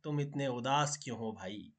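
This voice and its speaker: A man's voice: mid-range voice, normal speed, a bit bright, voice pushed down, natural voice. A man voicing a friendly, scheming male turtle in a school storybook reading, talking in a chatty, fussing manner. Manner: chatty, fussing, plays at grieving.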